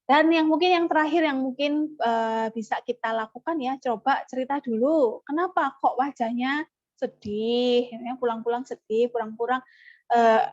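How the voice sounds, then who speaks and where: A woman leading an online parenting workshop, animated and acting out parent-child dialogues. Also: on the high side, normal speed, no room sound, dull audio. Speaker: parenting trainer.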